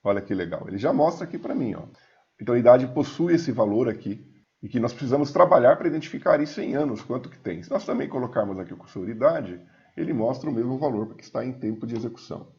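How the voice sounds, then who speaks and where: A man, teaching a screencast coding lesson and reading code aloud slowly as he types. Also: mid-range voice, expressive, a little mellow, lo-fi sound. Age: 50s. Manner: talks while typing, reads code aloud slowly. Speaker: programming instructor.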